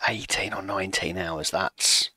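A man in his late thirties sits at his home desk streaming a football management game, chatting with viewers, teasing himself and reading chat aloud. He speaks low-pitched at a measured pace with fairly even intonation, pushed and bright, and there's no room sound.

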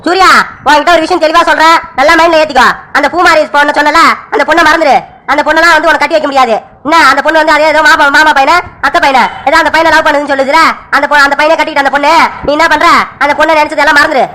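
Woman doing a stern, fast-talking father. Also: high voice, fairly even intonation, pushed and bright. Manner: scolding, commanding. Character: stern strict village father. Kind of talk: cartoon voice acting.

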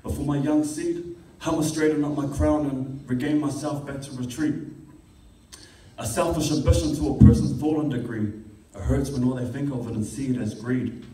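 A man's voice: on the high side, dark tone. Young man performing spoken word poetry. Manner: rhythmic, impassioned delivery with rising intensity. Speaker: open mic poet. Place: classroom with a small audience. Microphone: stand mic, filmed by a far camera. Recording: echoey room, distant camera.

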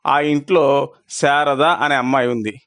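A man narrating a children's moral story as storyteller, in an expressive manner that slows down for effect. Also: medium pitch.

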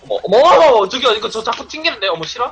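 A man's voice: extremely high pitch, very animated, rapid-fire, fairly bright tone. A man streaming a racing game live, chattering nonstop with exclamations, teasing and playful swearing. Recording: dull lo-fi stream audio with faint hiss.

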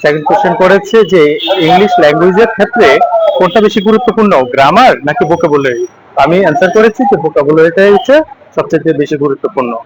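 A man's voice: a little high, fast talker, muffled recording, heavy background noise. A man from Cumilla, Bangladesh, earnestly recounting his exam interview with a few hesitant fillers. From Laksam, Cumilla, Bangladesh. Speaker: exam candidate interviewed after viva. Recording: loud crowd chatter around.

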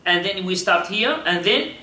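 A man's voice: high-pitched, lively intonation, very slow, bright, forceful tone, echoey room, far from the mic. A man teaching Quran recitation with Tajweed, explaining in English and patiently repeating syllables to demonstrate.

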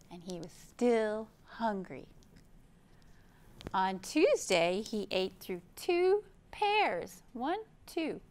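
With a smooth voice on the high side, a middle-aged American woman hosts storytime as a librarian. Inside a library room, she reads aloud to young children and explains things simply and expressively for show-and-tell.

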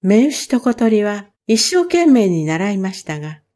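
Slow, mellow woman storyteller. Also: mid-range voice, big pitch swings. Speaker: reader. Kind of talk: storybook narration.

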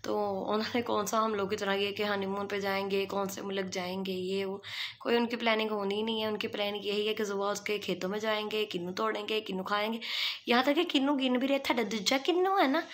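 A woman's voice: medium pitch, fairly even intonation, fast talker. A young woman talks to her phone camera in a small room indoors. Her commentary is gossipy and openly mocking, with an easy, chatty flow in a mid-range voice. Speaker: vlogger. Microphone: phone camera at arm's length.

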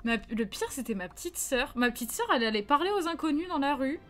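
Streameuse animée à la voix aiguë. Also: female voice, sits high, quick pace, soft background music. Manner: lively anecdote-telling, acts out quotes, reads chat. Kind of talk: casual live-stream chat and storytelling.

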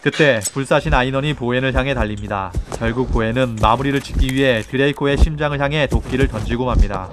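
A man's voice: mid-range voice, quick pace, few pauses, noisy background. A man reading a scripted film recap as a voice-over narrator. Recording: loud film music behind voice-over. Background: film score.

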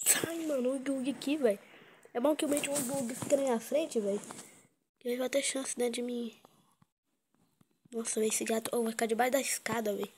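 A Brazilian woman chats casually while playing a game. Her voice sits fairly high. She talks as a gaming YouTuber, over a clearly noisy mobile recording. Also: steady tone, brisk, pauses often, a little mellow. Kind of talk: casual gameplay commentary.

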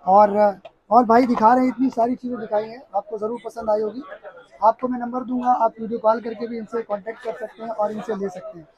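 A man hosting a market vlog from a busy shop, filming on his phone. He keeps asking curious questions about prices and speaks to his viewers in a notably high voice. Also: steady tone, fairly quick, lo-fi sound. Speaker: vlogger. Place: crowded cosmetics shop, indoors.

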